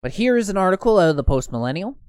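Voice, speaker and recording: A man's voice: high voice, sing-song, very fast, darkish tone, smooth, no echo, studio quality. A man hosting casual online news commentary, reading posts aloud and stumbling now and then. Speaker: host.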